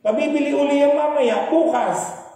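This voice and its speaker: A man's voice: very high-pitched, moderate pace, warm tone. A man with a Filipino accent preaching a sermon in a conversational way, often asking his listeners "di ba?" and mixing in English. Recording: echoey hall, speaker far from mic.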